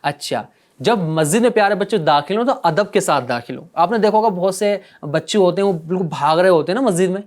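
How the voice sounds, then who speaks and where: A man teaching a religious lesson to children, gently coaxing them with repeated questions. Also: high-pitched, expressive.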